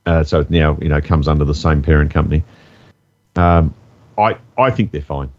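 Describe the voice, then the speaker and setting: A man co-hosting a podcast, talking in a measured, hesitant way with many pauses. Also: rumbling low, muffled recording. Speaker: podcast co-host. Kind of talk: casual chat.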